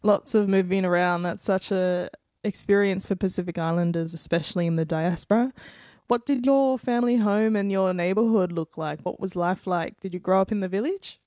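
A woman's voice: mid-range voice, normal speed, darkish tone, dry recording, studio quality. A woman hosting an interview, reading a scripted introduction and then asking encouraging questions. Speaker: interviewer, host.

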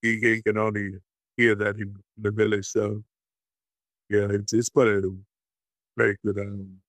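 A Tongan man in his forties, a former sumo wrestler, answering interview questions in a halting way with many fillers and restarts. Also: fairly low pitch, flat delivery, no echo, poor audio. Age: 40s.

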